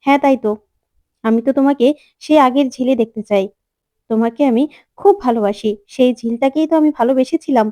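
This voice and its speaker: A woman's voice: high-pitched, fast talker, warm tone, dry recording, studio quality, natural voice. A woman reading a firm young husband. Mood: pleading. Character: young man, a new husband, stubborn and protective.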